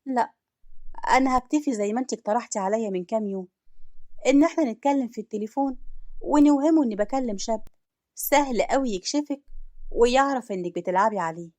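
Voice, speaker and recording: A woman's voice: on the high side, quick pace, long pauses, a little mellow, no room sound, close to an everyday voice. Woman voicing a coaxing, scheming Egyptian coworker. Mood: persuasive. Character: scheming female coworker, confident and persuasive.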